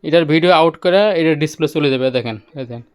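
Music plays from a player as a Bangladeshi-accented man, a seller who owns an electronics shop, demonstrates it hands-on in a casual, repetitive way. He talks very fast in a fairly high voice, and the recording carries a little hiss or hum.

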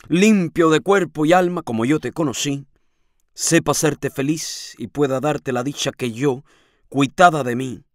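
A man voicing a heartbroken young woman's farewell letter in an audiobook reading, slow, hushed and mournful. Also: on the high side, no echo, clean studio sound.

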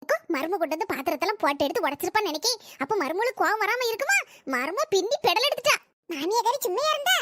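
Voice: very high voice, animated, quick pace, noisy background. A voice performer playing a chattering village housewife with a Kanyakumari Tamil accent, in a cartoon comedy. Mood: gossiping. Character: gossipy village housewife neighbor, middle-aged woman.

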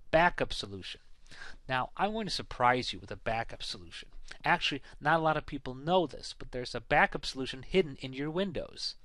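A man's voice: mid-range voice, fairly bright tone, no echo. A man narrates a computer how-to slideshow in a plain, instructive tone. His voice sits in a middle register. The recording is close and dry, with no room sound. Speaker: tech tutorial narrator.

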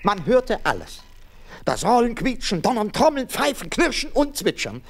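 A lovesick tin soldier narrating. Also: male voice, sits high, sing-song, normal speed, background noise. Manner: earnest, gentle, proud, sometimes whispering. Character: steadfast, lovesick tin soldier, young man. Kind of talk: radio play narration.

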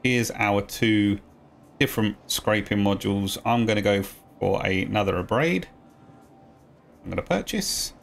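A man talking viewers through a video game tutorial step by step, in a relaxed, casual voice-over. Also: lowish voice, a little slow, creaky, a little hiss or hum. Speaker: gaming guide creator.

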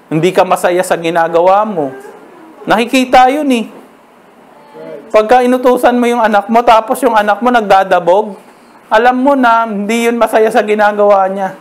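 A man with a Filipino accent preaching a sermon, conversational and peppered with "okay?", reading verses slowly. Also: high-pitched. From Philippines.

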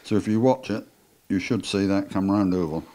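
A man's voice: low voice, normal speed, dark tone. An older man with a Norfolk English accent, a motorcycle engine builder answering questions briefly in his workshop. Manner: brief, plain-spoken, dialect grammar. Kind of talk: casual workshop interview. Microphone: handheld microphone with windscreen.

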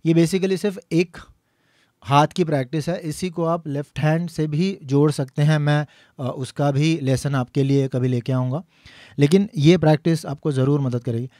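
A man teaching piano, explaining each step patiently and slowly singing the note names as he plays. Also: fairly high pitch, fairly even intonation, mellow, no room sound, studio quality. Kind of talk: instructional lesson.

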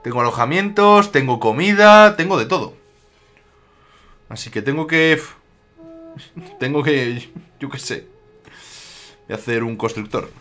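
A man's voice: mid-range voice, lively intonation, a little slow, pauses often, bright, forceful tone, faint music behind. A man from Spain with a slight Aragonese accent, giving casual, jokey commentary while playing a strategy game and talking back to his rivals. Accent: Aragonese Spanish. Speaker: gaming YouTuber.

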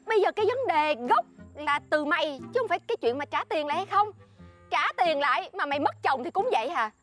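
A woman acting as a bossy know-it-all friend who scolds and lectures with big exclamations, her voice high and swinging widely up and down. She preaches how to be alluring in a comedy sketch, with light music underneath. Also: lively intonation, quick pace, fairly bright tone. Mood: accusing.

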